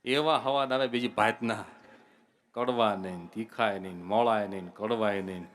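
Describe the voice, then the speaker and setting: A man's voice: lowish voice, moderate pace, fairly bright tone, slight background noise. A man, telling folksy jokes and stories to devotees at a religious gathering. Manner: folksy joke-telling, addresses listeners as devotees. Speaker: comic speaker at a religious gathering. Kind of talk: humorous folk storytelling.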